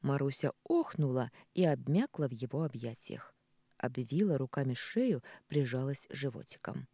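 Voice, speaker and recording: Brief: male audiobook narrator, dark mellow tone, animated rise and fall, dry close mic. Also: medium pitch, normal speed, dry recording. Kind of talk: expressive storybook narration.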